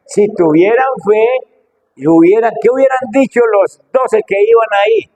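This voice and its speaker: Heard through poor audio, a middle-aged preacher with a slightly rough voice delivers a fervent sermon. He peppers the congregation with rhetorical questions, his pitch and volume rising and falling dramatically.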